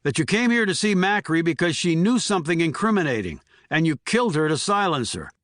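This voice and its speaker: A man's voice: on the high side, very animated, brisk, a bit bright, dry recording, studio quality, pitched above the performer's own voice. A man voicing a terse, controlled male army investigator in an audiobook. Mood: suspicious.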